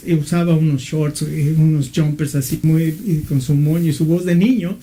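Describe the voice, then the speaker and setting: Pastor preaching, high pitched. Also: male voice, fairly even intonation, normal speed, mellow. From Mexico. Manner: asks the listeners questions, uses fillers like "este". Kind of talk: sermon.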